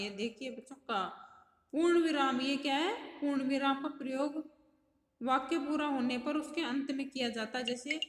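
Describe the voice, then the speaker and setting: High-voiced woman teacher in an echoey room. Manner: slow, patient explaining with many questions to pupils. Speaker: school teacher. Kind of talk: classroom lesson for children.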